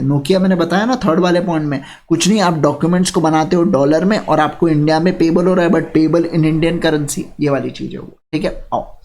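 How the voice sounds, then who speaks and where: Lively tutor man drilling students. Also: fairly high pitch. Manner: lively, repeats phrases, urges students to answer quickly. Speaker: online exam tutor. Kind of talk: energetic Hindi lecture with call-and-response.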